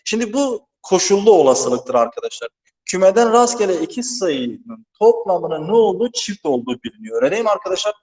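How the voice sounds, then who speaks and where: A man's voice: high voice, big pitch swings, fairly quick, a little mellow. A man teaching a math lesson alone in a large empty classroom, explaining step by step and checking in with his students, his voice echoing heavily off the walls. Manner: patient step-by-step explaining, keeps asking "right, friends?". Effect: strong echo of a big empty room. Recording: echoey empty hall.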